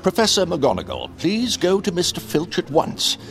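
Narrator as calm elderly headmaster, gravelly, wide-ranging delivery. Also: male voice, high-pitched, normal speed, faint music behind, exaggerated voice.

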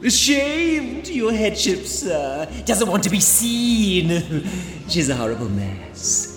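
A cackling sly poltergeist. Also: male voice, high voice, very animated, pitched above the performer's own voice, exaggerated voice. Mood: gleeful. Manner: cackling, sly drawn-out taunting. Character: cackling mischievous poltergeist, gleeful and oily. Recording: roomy reverb with music behind.

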